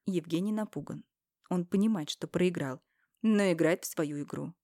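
A woman's voice: lowish voice, normal speed, no echo. Female audiobook narrator, first person, dramatic, dry close recording. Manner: dramatic, emotional, rises to shouting in dialogue.

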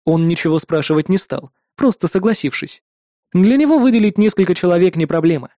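A man reading a first-person audiobook in a calm, measured way. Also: high-pitched, dry recording, studio quality. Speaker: audiobook narrator.

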